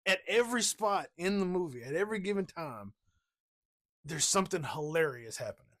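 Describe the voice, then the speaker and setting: A man's voice: on the high side, animated, a little fast, a bit bright, no echo, studio quality. A man co-hosting a casual movie review podcast, laughing often and acting out scenes as he retells them. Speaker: podcast co-host.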